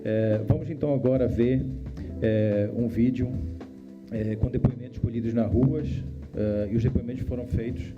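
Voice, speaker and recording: A man's voice: medium pitch, fairly even intonation, moderate pace, lo-fi sound, loud music behind the voice. A man from Portugal with a Portuguese accent moderating a conference debate in a hesitant, self-deprecating way, using fillers as he calls the speakers. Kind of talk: formal moderation.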